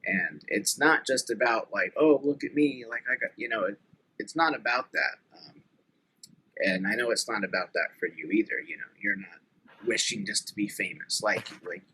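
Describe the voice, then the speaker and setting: A man's voice: lowish voice, moderate pace, sharp tone, breathy edge, poor audio. A man in his late thirties talking earnestly and thoughtfully in a casual podcast conversation, with many fillers. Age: late 30s.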